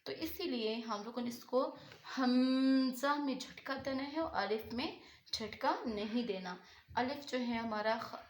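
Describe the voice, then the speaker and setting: A woman with a somewhat high voice explains Quran pronunciation step by step. She asks a question, then answers it and repeats the answer. The room rings with echo. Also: a bit bright. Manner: repeats her own questions and answers them. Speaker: Quran recitation teacher. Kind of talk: explanatory tajweed lesson.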